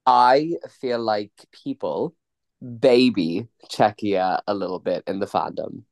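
A man's voice: fairly low pitch, slow, a little mellow. Upbeat male podcast host. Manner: upbeat, chatty, friendly. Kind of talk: casual podcast chat.

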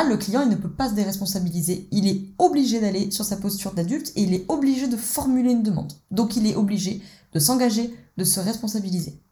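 A woman's voice: mid-range voice, a little mellow. Conversational French-speaking woman coaching. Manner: conversational, addresses the listener directly, acts out dialogues. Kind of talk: explanatory teaching talk.

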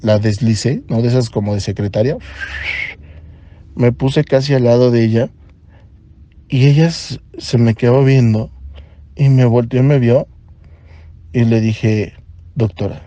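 A man with a Mexican accent, a podcast host and doctor, telling a story in an animated way and acting out the dialogue. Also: medium pitch, measured pace, pauses often, no echo. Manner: animated, acts out dialogue in other voices. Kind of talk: storytelling monologue.

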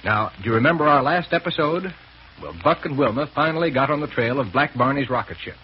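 A man's voice: mid-range voice, animated, quick pace, dull audio, slight background noise. A man in the style of an old-time radio announcer, reading sponsor messages and narration with hearty, punchy salesmanship on an old broadcast.

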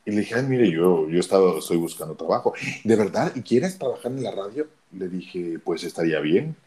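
Deep-voiced Mexican man telling stories. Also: brisk. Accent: Mexican Spanish. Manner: animated storyteller acting out dialogue. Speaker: radio announcer guest telling his story. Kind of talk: casual storytelling chat.

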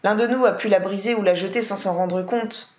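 A woman voicing a gentle older aunt, distraught and tender, in a roomy, dull recording. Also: medium pitch, steady tone, brisk, lightly acted. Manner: tearful, tender.

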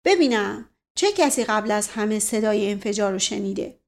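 A woman's voice: medium pitch, expressive, creaky. A woman voicing a bossy middle-aged male police officer who fires off impatient questions, in a storybook reading. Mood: barking.

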